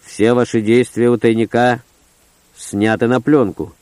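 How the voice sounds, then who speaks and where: A man's voice: mid-range voice, flat delivery, unhurried, darkish tone, no room sound, lightly acted. A man voicing a cold, hostile male interrogator who speaks in curt accusations, read as part of an audiobook. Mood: accusing.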